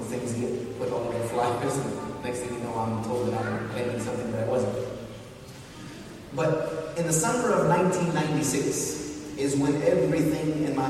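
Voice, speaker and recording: A middle-aged man with a Southern American accent, telling his story as a religious lecture, emphatically repeating phrases for stress. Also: medium pitch. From southern United States. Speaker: religious speaker. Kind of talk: autobiographical public lecture. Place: large reverberant hall before an audience. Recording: echoey hall, distant mic, background noise.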